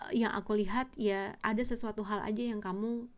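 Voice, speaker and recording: A woman's voice: mid-range voice, steady tone, brisk. A woman giving a casual tarot reading, rambling with many fillers and restarts and mixing in English words. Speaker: tarot reader.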